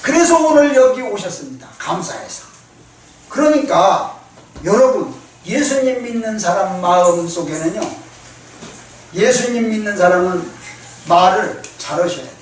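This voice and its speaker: High-voiced pastor preaching in an echoey hall. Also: male voice, lively intonation, measured pace, a little hiss or hum. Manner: asks the congregation questions, acts out quoted spouses. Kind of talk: sermon. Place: church. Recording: echoey church hall from far off.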